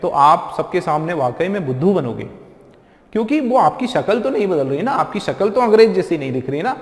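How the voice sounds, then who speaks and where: A man's voice: high voice, very animated, brisk. A man with an Indian accent gives an informal spoken English lecture and chats with viewers as friends. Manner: chatty, addresses viewers as friends. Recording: echoey room with long reverb.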